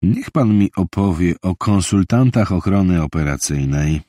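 A male audiobook narrator voicing a calm, analytical investigator who reasons things through. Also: sits low, normal speed, no echo, studio quality. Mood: measured. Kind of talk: audiobook character reading.

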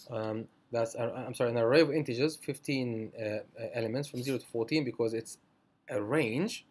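A man's voice: medium pitch, a little hiss or hum. Hesitant man teaching a coding screencast. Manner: hesitant, many fillers and self-corrections. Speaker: programming instructor.

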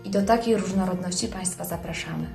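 A woman, a foundation president, giving a measured and earnest formal statement. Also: lowish voice, vocal fry, mellow, faint music behind. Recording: echoey room.

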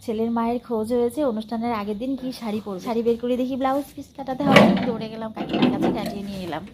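Young mom vlogging at home at night, kinda high voice, chatty and friendly with viewers. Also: female voice, fairly even intonation, very fast, slight background noise. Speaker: vlogger, mother. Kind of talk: casual home vlog narration.

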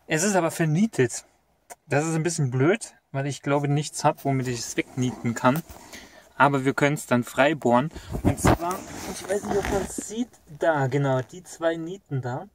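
Young man, slightly high voice, casual chatty how-to talk, thinking aloud, faint tool clicks, inside a car. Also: normal speed, noisy background. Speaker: car hobbyist vlogger. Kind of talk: casual how-to commentary while working. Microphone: action camera mounted in the car.

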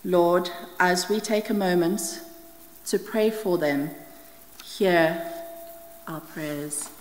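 A middle-aged woman from the Scottish Highlands reading prayers aloud at a church lectern, steady and careful, with small slips as she reads. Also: extremely slow, a little hiss or hum. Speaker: prayer leader. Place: church hall with brick wall, indoors. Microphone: stand mic at lectern, wide camera. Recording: long hall reverb.

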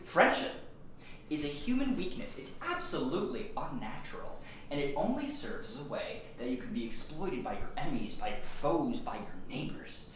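A man's voice: fairly high pitch, sing-song, moderate pace, few pauses. A man in a comedy sketch playing a scornful office boss who rants about friendship. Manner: scornful, ranting, drops to a bitter whisper. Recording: very echoey room, faint hiss.

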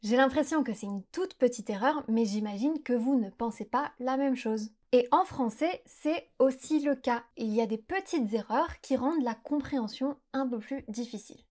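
Young woman from France, French tutor; fairly high voice, clear careful delivery, explains and models sounds slowly. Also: darkish tone. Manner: clear, careful pronunciation with slowed examples. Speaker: French teacher. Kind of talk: explanatory lesson to camera.

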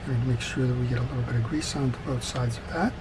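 A man talks fast in a mid-range voice, presenting a hands-on tutorial on fixing a fishing reel. He sits at a wooden workbench indoors, explaining each step in a casual, orderly way while steady noise hums in the background.

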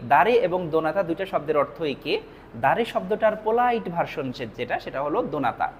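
A man with a Bangladeshi Bengali accent teaching Japanese vocabulary, repeating each word and its meaning slowly. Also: high-pitched, a little hiss or hum. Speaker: language teacher. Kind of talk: vocabulary lesson.

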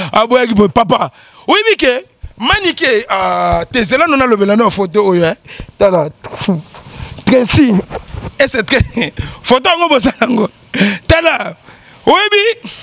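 A man hosting a show with animated commentary, teasing people, breaking into exclamations and laughs. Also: very high voice, no room sound. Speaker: show host.

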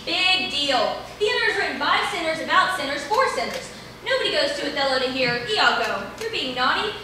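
A young woman playing a brisk, wry playwriting lecturer in a live stage comedy sketch, lecturing with dry asides, recorded from far off in a theater. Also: high-pitched, sing-song, bright, forceful tone, full character voice. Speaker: stage actor. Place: large indoor theater stage. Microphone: distant camera mic. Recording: echoey hall from far off, noisy.

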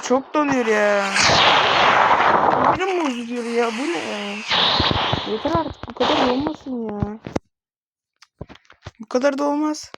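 A woman's voice: on the high side, measured pace, pauses often. A young woman streaming a game, complaining in exasperated, frustrated commentary and talking back to the game. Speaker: gamer streaming gameplay. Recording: loud background noise with clicks.

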